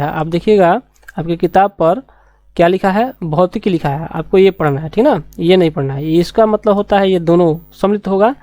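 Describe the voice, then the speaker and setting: Dark-voiced woman teaching a science class. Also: on the low side, dry recording. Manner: repeats key terms slowly, asks rhetorical questions. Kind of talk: classroom lecture.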